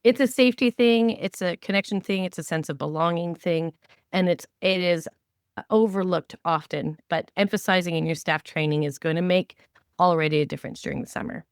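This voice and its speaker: A podcast co-host with a fairly low, smooth voice offers conversational advice on training camp staff, speaking a little quickly with emphatic, repeated phrasing. The recording is clean studio quality with no room sound.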